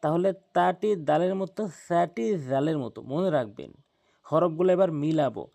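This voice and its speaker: A man's voice: a little high, animated, moderate pace, creaky, dark tone. A man teaching Arabic letter pronunciation for Quran recitation, drawing out each letter sound and repeating every step patiently. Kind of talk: slow instructional pronunciation lesson.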